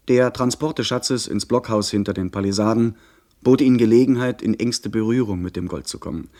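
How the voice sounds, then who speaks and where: In a measured, literary German radio-drama style, a man plays an earnest young gentleman recounting his pirate adventure. His natural voice sits fairly low.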